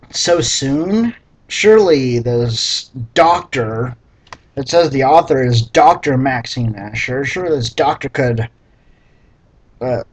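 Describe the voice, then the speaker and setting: Husky man mocking a bad book. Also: medium pitch, low-quality recording. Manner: mocking, exasperated, nitpicking. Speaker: book reviewer reading aloud. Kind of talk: sarcastic read-through commentary.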